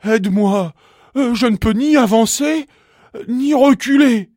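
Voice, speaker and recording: Greedy, grumpy bumblebee played by a man for a storybook: shrill and squealing, pitched far up, dry close sound. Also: unhurried, darkish tone, no echo. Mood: pleading. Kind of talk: storybook character voice.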